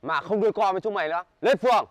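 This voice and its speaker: A young man, acting a gruff, threatening car owner in a comedy sketch. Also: high voice, slight background noise, natural voice. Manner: gruff, threatening, quick to shout. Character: tough-faced man, menacing bully of a car owner.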